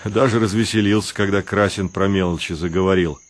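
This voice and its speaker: A man voicing a wry, self-assured writer who speaks in a relaxed way. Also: low voice, brisk, lightly acted.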